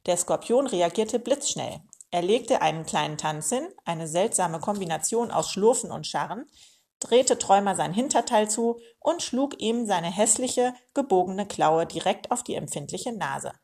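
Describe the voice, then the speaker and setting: A woman reading a children's book aloud in a lively, expressive way. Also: medium pitch, moderate pace. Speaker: storyteller.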